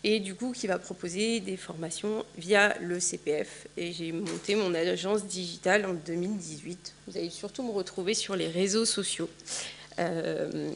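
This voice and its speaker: A woman's voice: on the low side, fairly even intonation, moderate pace, gravelly, a little hiss or hum. Chatty French woman giving a talk. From France. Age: 40s. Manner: chatty, many fillers. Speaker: conference speaker. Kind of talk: conference talk. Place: large conference hall.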